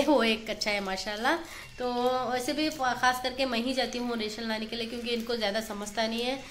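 A woman's voice: on the high side, fairly bright tone, slight background noise. A woman in her thirties filming a casual home vlog in a small kitchen with a phone at arm's length, chatting in a homely, rambling way. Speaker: vlogger, mother. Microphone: phone held at arm's length.

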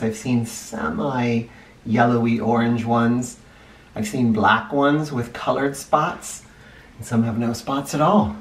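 With a medium-pitched, fairly bright voice, a middle-aged first grade teacher reads a picture book to young children, explaining simply and emphasizing key words. The sound comes from a camera microphone placed a short distance away, so it is roomy and distant.

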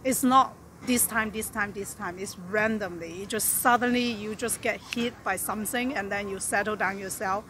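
A woman answers a street interview in halting, repetitive phrases. Her voice sits at a middle pitch, and a faint hum of street noise surrounds her. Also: steady tone, sharp tone. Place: outdoor city street.

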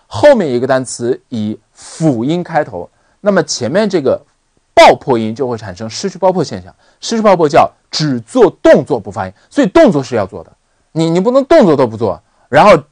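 A man teaching an online English lesson, drilling words by repeating them in an animated way. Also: a little high, dry recording.

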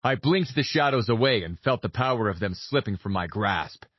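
A man narrates a fantasy novel in the first person with an intense, brooding delivery. His voice is husky and mid-pitched. The recording is dry and slightly dull. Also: expressive, moderate pace, no room sound. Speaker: audiobook narrator.

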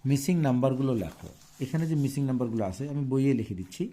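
Bangladeshi bengali accent guy teaching kids english, spells stuff letter by letter, mellow dark voice. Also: mid-range voice, lively intonation. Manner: explains slowly, spells out words letter by letter. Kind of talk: classroom lesson.

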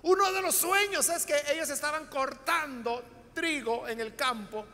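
A man's voice: very high-pitched, normal speed, sharp tone, in a large hall. A man with a Salvadoran accent, preaching a Bible study sermon and explaining the text to his congregation with frequent rhetorical questions. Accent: Salvadoran Spanish. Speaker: pastor.

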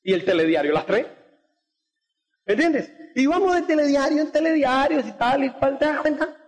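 A man's voice: very high voice, animated, moderate pace. A man giving a motivational talk to an audience. He keeps checking in with tag questions and acts out little dialogues. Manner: peppers speech with tag questions like "do you get it?". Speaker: motivational speaker. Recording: long hall reverb.

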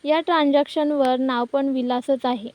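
A woman voicing a panicky male bank manager who pleads, in her own high, dry voice. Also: fairly even intonation, normal speed, no echo, highs cut off, close to an everyday voice. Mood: explaining. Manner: retold in the narrator's own voice.

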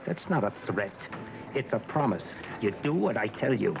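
Soap villain on the phone: cold, commanding, low-voiced, unhurried threats. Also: male voice, expressive, vocal fry, background noise. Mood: menacing. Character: menacing male crime boss on the phone.

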